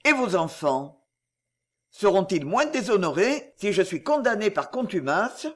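A man's voice: high voice, sing-song, measured pace, full character voice. A man voicing a stern, scolding retired lawyer. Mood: indignant. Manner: scolding, insistent. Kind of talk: audiobook character reading.

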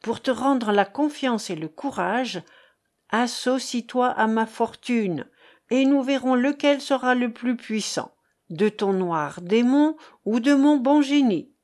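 A woman's voice: fairly high pitch, animated, slow, darkish tone. A woman reading the part of an earnest young man who comforts and reassures a troubled companion, in a storybook narration. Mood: earnest comforting.

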